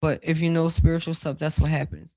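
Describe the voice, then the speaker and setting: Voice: mid-range voice, level tone, fast, mellow, no echo. An intuitive card reader giving a casual spiritual reading, rambling and chatty with many fillers, talking straight to the viewers. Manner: talks straight to viewers as "y'all"; breaks off into side remarks and laughter.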